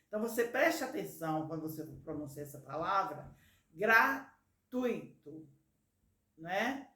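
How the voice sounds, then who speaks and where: A woman's voice: sits low, big pitch swings, brisk, fairly bright tone, reverberant. A woman teaching language in a video, patiently drawing out example words syllable by syllable. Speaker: Portuguese teacher. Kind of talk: slow, careful teaching video.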